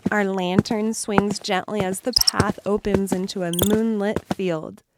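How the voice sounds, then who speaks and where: Slow soothing woman storyteller. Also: mid-range voice, fairly even intonation, very noisy. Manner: slow, soothing, with whispered parts and call-and-response. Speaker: children's storyteller. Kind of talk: children's storytime narration.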